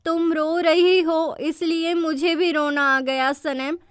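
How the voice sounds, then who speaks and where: A woman voicing a caring young female friend, in a soft, concerned way. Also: very high voice, flat delivery, slow, dry recording, clean studio sound.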